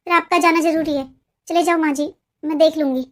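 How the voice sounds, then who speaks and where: A patient young cartoon mother who talks things through calmly and gently. Her voice is pitched extremely high, in the style of animated family stories. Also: a little fast. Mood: reassuring. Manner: calm, reasoning, gently scolding. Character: elder daughter-in-law, patient young mother. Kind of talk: cartoon voice acting.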